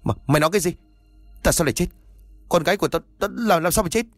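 A harsh, commanding household master who shouts at his servants, his voice climbing high in panic, as a male storyteller puts him on. Dry, close sound with faint music behind. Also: racing, no echo, close to an everyday voice. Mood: frantic. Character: grief-stricken shouting old master of the house.

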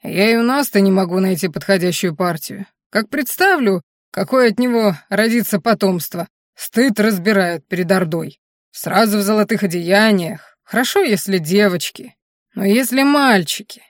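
Brief: woman voicing brash green orc woman fighter, gruff and plain, audiobook, dry mic. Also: mid-range voice, lively intonation, normal speed, no room sound, natural voice. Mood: blunt. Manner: gruff, plain-spoken, snorting. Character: loud blunt green orc woman warrior.

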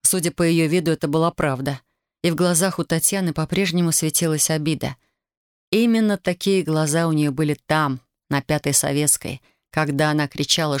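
Low-voiced female audiobook narrator, calm and steady, dry close sound. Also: clean tone, no room sound. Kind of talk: scripted narration.

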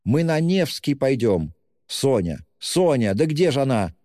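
Man voicing a frantic shrill widow. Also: sing-song, measured pace, dark tone, no echo, clean studio sound, big-room sound. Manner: shrill, pleading, haughty outbursts. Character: frantic, desperate impoverished widow, middle-aged woman. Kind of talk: audiobook character voice.

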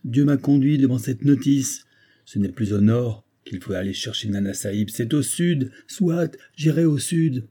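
A man voicing a grave, vengeful retired colonel with a husky voice, speaking in solemn, insistent declamation. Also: on the low side, normal speed, warm tone. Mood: stern resolve.

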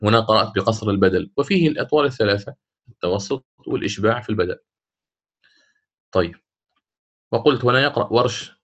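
A man with a North African Arabic accent teaches the rules of Quran recitation, explaining and then slowing down to recite the example words. His pitch is fairly low, and the audio is dull.

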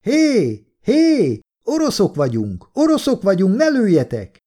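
A man voicing a brash, profane young male soldier who wisecracks and yells in an audiobook. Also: mid-range voice, very animated. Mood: shouting. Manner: profane, shouting, cocky.

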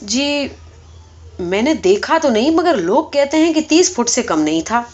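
Woman reader as a polite first-person narrator man, lively, storybook. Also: sits high, voice pushed up. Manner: polite, deferential replies. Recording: dull lo-fi recording.

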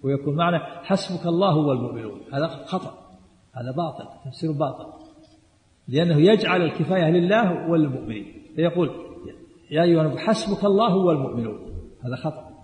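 A man giving a religious lesson on a book, emphatic and repetitive, dropping into quiet asides. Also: fairly high pitch, animated, fast. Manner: emphatic, repeats key points, drops to quiet asides. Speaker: Islamic scholar teaching a text. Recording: echoey hall recording.

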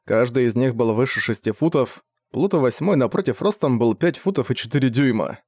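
A man reading a novel aloud as narrator, at a steady, measured pace. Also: medium pitch, dry recording, clean studio sound. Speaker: audiobook narrator. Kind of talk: audiobook narration.

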